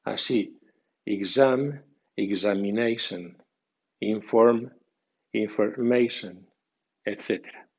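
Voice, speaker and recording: A man teaching English pronunciation in a scripted podcast lesson, reading rules and word lists slowly and deliberately. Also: on the low side, slightly rough, highs cut off.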